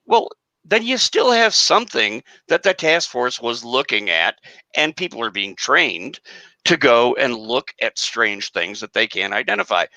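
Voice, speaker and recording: Animated emphatic man on a panel. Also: mid-range voice, measured pace, no room sound, dull audio. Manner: animated, emphatic, self-deprecating. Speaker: panel guest. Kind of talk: casual live-stream panel chat.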